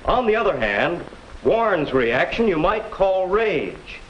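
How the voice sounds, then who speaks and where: A patient, measured teacher from a 1950s classroom film. His lively, rising and falling voice walks students through each point. The sound is muffled and carries a faint hiss. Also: high voice, exaggerated voice. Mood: explaining. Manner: calm, measured explaining. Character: patient male teacher explaining emotions to students. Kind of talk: 1950s educational film acting.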